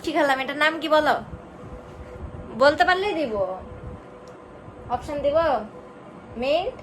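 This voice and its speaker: A woman's voice: sits high, a little slow, a bit bright, a little hiss or hum. A woman family vlogger chatting playfully and teasing friends as she films her day. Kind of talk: casual vlog chat. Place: outdoor fair and home.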